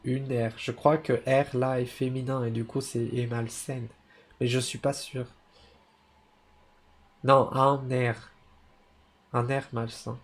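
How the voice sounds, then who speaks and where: A man's voice: medium pitch, flat delivery, slow pace, pauses often. A man playing a video game while chatting casually and stopping to explain words for language learners, often correcting himself. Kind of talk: casual gameplay commentary for learners.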